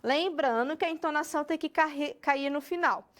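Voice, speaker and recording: This English teacher has a high, slightly bright voice and addresses the student directly in a recorded lesson. She drops in quick tag questions to confirm understanding and draws out her example questions slowly.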